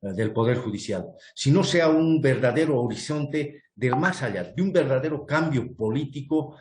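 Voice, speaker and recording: A man's voice: mid-range voice, expressive, moderate pace, a little mellow, reverberant, a little hiss or hum. A man, a guest speaker making an earnest, argumentative case in an online panel talk, with many fillers and restarts. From Bolivia. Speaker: guest speaker presenting a proposal.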